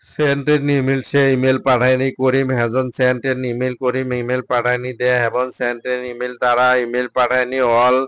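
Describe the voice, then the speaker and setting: A man, a Bengali speaker, teaching English drills by reading each sentence slowly and then translating it. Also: medium pitch, completely flat delivery, fairly bright tone, clean tone, no echo. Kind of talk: spoken English drill lesson.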